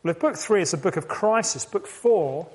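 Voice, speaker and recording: A man preaching a sermon, reading scripture quietly and then asking pleading questions in a raised voice. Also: high voice, expressive, normal speed. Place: church meeting.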